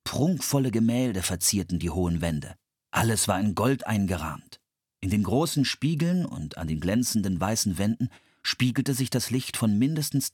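A man reading a children's audiobook with lively storytelling. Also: lowish voice, breathy edge, no room sound, clean studio sound. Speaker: narrator.

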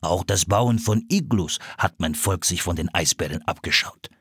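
Patient storybook seal hunter, slow measured words, low husky voice, as a man voices him. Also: fairly bright tone, no room sound, heavily acted. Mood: calm. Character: calm, kindly older male seal hunter.

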